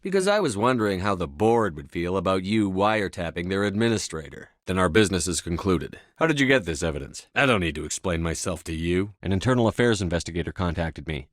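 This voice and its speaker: A composed, businesslike male military commander from a sci-fi video game. His voice sits low and he speaks in measured, clipped, matter-of-fact lines with a tough edge. The sound is dry, with no room on it. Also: big pitch swings, no echo. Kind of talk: scripted video game dialogue.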